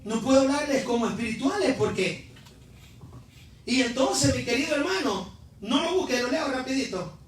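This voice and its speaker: A male pastor preaching a sermon, shouting refrains and calling on the congregation to answer. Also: very high voice, normal speed, pauses often, slight background noise. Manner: animated preaching, shouting refrains, calls for responses. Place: church sanctuary. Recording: echoey church hall, mic at a distance.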